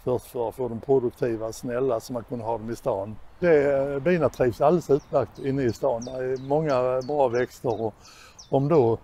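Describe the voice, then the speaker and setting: A man's voice: medium pitch, warm tone. An older man from Sweden, a longtime beekeeper, speaking in a plain, matter-of-fact way in an outdoor documentary interview. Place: outdoors among bare trees.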